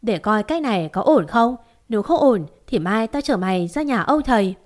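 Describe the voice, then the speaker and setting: A woman's voice: a little high, animated, moderate pace, darkish tone, close to an everyday voice. A woman voicing a stern older aunt who speaks in blunt, commanding orders.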